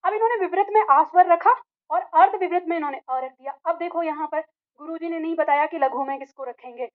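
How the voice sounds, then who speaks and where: A woman's voice: very high-pitched, fairly quick. A woman teacher explaining a lesson step by step, repeating key points and asking the class questions. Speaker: Hindi teacher. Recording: tinny, phone-like audio.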